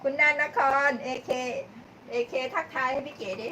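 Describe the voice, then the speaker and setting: A woman hosts a live-stream cooking show, chatting casually with viewers while she cooks, thanking them by name and laughing often. Her voice is pushed and bright at a normal speed, picked up by a distant mic with clear background noise.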